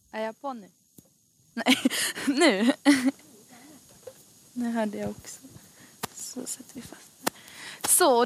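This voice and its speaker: Woman reading a book aloud, plain and calm, fairly high voice. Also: slight background noise. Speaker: volunteer audiobook reader. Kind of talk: plain reading aloud after a mic check.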